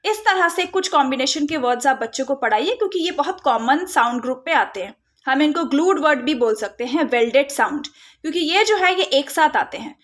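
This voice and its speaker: A woman giving a phonics lesson for parents, modelling letter sounds slowly and mixing in English terms. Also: high voice, expressive, a bit bright. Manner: mixes Hindi with English terms. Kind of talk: instructional tutorial.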